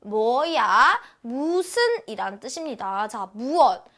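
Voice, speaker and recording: A woman's voice: a little high, animated, slow pace, fairly bright tone. A young woman teaching a Chinese lesson in a bubbly, playful way, acting out short dialogue snippets. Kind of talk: lively online language lesson.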